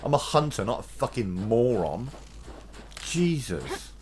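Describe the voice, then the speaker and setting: A man's voice: mid-range voice, very animated, measured pace, darkish tone, a little hiss or hum. A man streaming a video game, grumbling and swearing his way through a profane rant. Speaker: gamer streaming a let's play. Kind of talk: let's play commentary. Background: game music.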